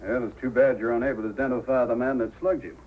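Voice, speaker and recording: An actor playing a calm, cautious police sergeant of the North in a measured, matter-of-fact way, in old-time radio drama style. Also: male voice, medium pitch, lightly acted. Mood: grave. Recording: muffled, noisy old radio recording.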